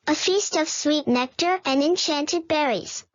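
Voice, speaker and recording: A woman narrating a children's storybook in the first person, reading out even the sound words plainly. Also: sits high, a little slow, highs cut off.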